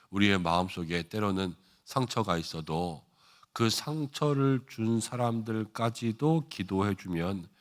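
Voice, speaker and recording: A man's voice: lowish voice, a bit bright. A middle-aged man preaching an early-morning sermon as pastor, talking in a conversational way with "uh" fillers and rhetorical questions to the congregation.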